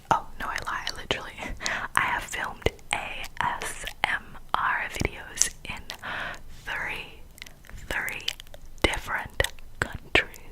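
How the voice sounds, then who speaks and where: Slow cupped-hand ASMR whisper. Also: rough recording. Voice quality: breathy, unvoiced whisper. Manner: slow, softly repeats words and phrases. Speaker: ASMR video maker.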